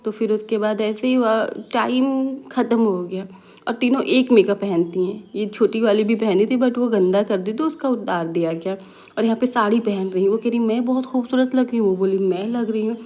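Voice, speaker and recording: Young woman vlogger, chatty narration that slips into relatives' voices, mid-range pitch. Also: normal speed, muffled recording. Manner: lively storytelling, acting out family members' lines. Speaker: vlogger narrating family footage. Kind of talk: casual vlog voice-over narration.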